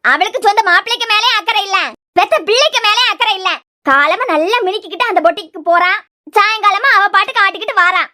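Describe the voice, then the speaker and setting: Woman doing a nosy cartoon granny, kanyakumari slang, squeaky high and rapid. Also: pushed and bright. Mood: nagging. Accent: Kanyakumari Tamil. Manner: scolding, nagging. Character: bossy old grandmother, sharp-tongued mother-in-law. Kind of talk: cartoon serial voice acting.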